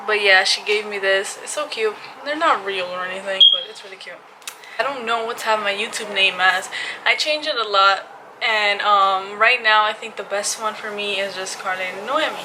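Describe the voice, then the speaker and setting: A woman's voice: mid-range voice, moderate pace. A young woman vlogging casually and enthusiastically, a little out of breath as she talks. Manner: chatty, enthusiastic, says freaking and like a lot. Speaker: YouTuber. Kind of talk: casual vlog chat. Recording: noticeable background noise.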